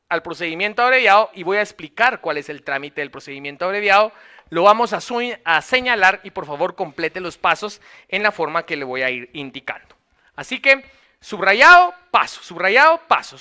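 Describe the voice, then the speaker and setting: High, tense-voiced man lecturing. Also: sharp tone, clean tone. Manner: repeats phrases slowly for dictation. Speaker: law lecturer. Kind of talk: dictated lecture to note-taking students.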